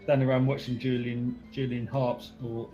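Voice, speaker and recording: A man's voice: mid-range voice, flat delivery, moderate pace, dark tone, highs cut off, faint music behind. A man playing a tabletop role-playing game, talking casually in a hesitant, politely tentative way as he improvises.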